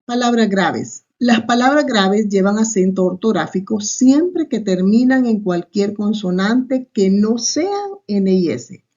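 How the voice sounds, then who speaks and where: A woman's voice: mid-range voice, lively intonation, slow, a little mellow. A woman teacher with a Salvadoran Spanish accent, giving a recorded online class and explaining step by step, often tagging on a questioning aside. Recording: muffled lo-fi recording.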